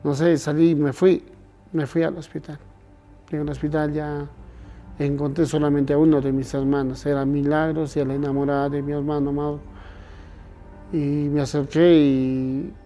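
Peruvian guy, dark gravelly voice, flat and tired, soft music. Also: on the high side. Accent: Peruvian Spanish. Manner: subdued, weary, hesitant. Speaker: brother of a victim. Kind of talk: documentary testimony.

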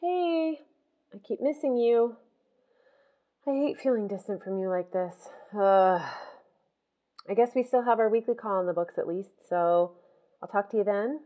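A woman's voice: mid-range voice, lively intonation, a little slow, long pauses, dull audio. A young woman in a comedic audio drama leaving rambling, exasperated voice messages. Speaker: lead character leaving voice messages.

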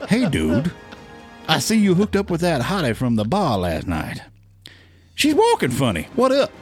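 A man voicing a crude, boastful young party dude in a put-on Cajun-style accent, with a high, laughing drawl.

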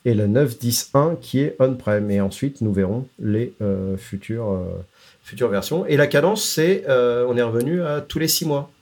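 A man's voice: medium pitch, moderate pace, a little mellow. Man explaining tech with many fillers. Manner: explanatory, hesitant with frequent "euh" fillers; mixes English tech terms into speech. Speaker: podcast co-host explaining product releases. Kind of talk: casual tech podcast chat.

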